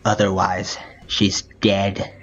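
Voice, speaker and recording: A man voicing a cold, emotionless young woman assassin, speaking low, flat and quiet, as he reads a visual novel aloud. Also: slow pace. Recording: dull lo-fi audio with faint music.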